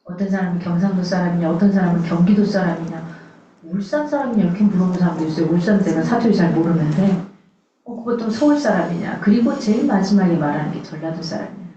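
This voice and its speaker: A woman pastor from the far south of Korea preaches in a mellow, darkish voice, talking straight to her listeners with questions. She sounds far from the mic in a very echoey church sanctuary. The recording is dull and muffled. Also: fairly low pitch, fast talker, slight background noise. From South Korea, Suncheon in Jeolla. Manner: earnest, conversational preaching with rhetorical questions. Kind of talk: sermon.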